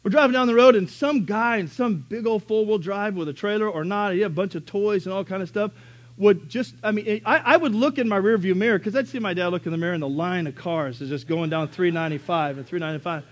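Animated, high-voiced male preacher. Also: fast. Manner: animated storytelling, bursts into shouts. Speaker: pastor. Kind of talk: sermon.

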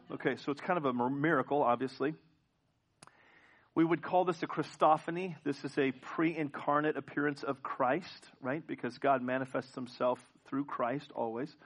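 A man's voice: medium pitch, a bit bright. Man preaching a conversational sermon. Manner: conversational preaching, asks the congregation questions; frequent restarts and repeated words. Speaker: pastor. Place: church sanctuary with congregation. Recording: dull lo-fi church recording.

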